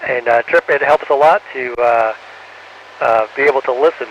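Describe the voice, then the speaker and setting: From on board the space station, an astronaut with a mid-range voice fields students' questions. His speech is halting and filler-heavy, and he ends each answer by saying "over". The downlink comes through muffled, with faint static, and keeps breaking up.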